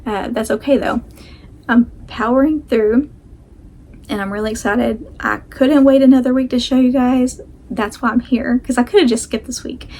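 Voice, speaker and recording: A woman with a fairly high voice chats casually to camera as a vlog host. She talks with a sore jaw, her mouth a little restricted, and rambles in an apologetic, self-deprecating way. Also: fairly even intonation, normal speed, dark tone.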